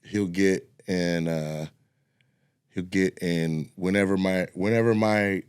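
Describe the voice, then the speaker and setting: A man's voice: low voice, fairly even intonation, takes it slowly, darkish tone, clean tone, no room sound, studio quality. A man co-hosting a casual podcast chat, laid-back, chatty and agreeable.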